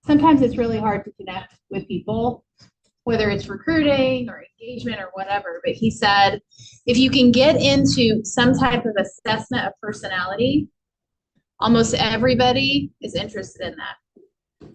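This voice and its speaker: A woman's voice: on the high side, lively intonation, moderate pace, noisy background. A woman presenting a casual office training session, talking loosely and rambling with many fillers. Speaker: workshop presenter.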